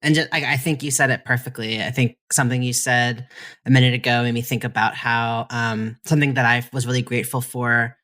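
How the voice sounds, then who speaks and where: Very deep-voiced woman podcast co-host. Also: fairly even intonation, fairly quick, fairly bright tone. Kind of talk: casual podcast chat.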